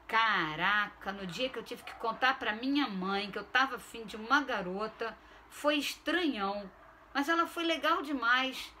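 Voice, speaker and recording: Woman playing a sulky teen boy in a storybook reading, raised and bright, insistent and exasperated. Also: fairly high pitch, measured pace, a little hiss or hum. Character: pushy, sulky teenage boy pleading with his mother.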